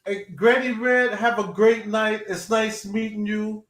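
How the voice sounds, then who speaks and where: A man's voice: high voice, level tone, unhurried, a bit bright. Joking man in his sixties, roomy echo. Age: 60s. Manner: joking, laughs at his own jokes. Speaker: co-host of a paranormal live stream. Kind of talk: casual live-stream chat.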